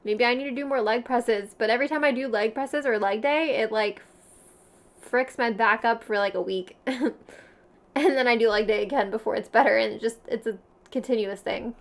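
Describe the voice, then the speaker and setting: A woman's voice: on the high side, moderate pace. A young woman with a Valley Girl accent chatting casually as a livestream host, giggly and slangy, peppering her talk with "like". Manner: frequent "like" filler, slangy; giggly, laughs often between phrases.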